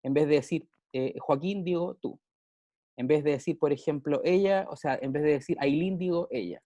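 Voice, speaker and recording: A man's voice: fairly high pitch, normal speed, warm tone, dry recording. A male teacher with a Chilean accent, explaining grammar in a casual way with everyday examples and frequent check-ins with his pupils. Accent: Chilean Spanish. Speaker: English teacher.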